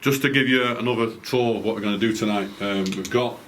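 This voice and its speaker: A man leading a night-time ghost hunt as a medium, calm and reassuring, often stumbling over his words. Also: lowish voice, brisk, a little hiss or hum. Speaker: medium leading a paranormal investigation. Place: indoors in a house at night.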